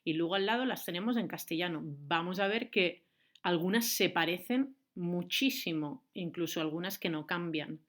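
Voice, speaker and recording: A young adult woman with a Valencian accent, teaching a remote lesson to young children in a clear, encouraging way. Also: fairly low pitch. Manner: slow, clear, encouraging, speaks to kids and switches between Valencian and Spanish. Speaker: primary school teacher.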